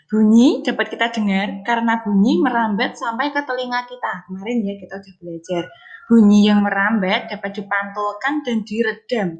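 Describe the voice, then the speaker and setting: Brief: woman teacher, mid-pitched, patient, repeats points, quizzes kids. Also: lo-fi sound. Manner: explains slowly, repeats key points, asks pupils questions. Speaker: elementary school teacher. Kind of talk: online science lesson for children.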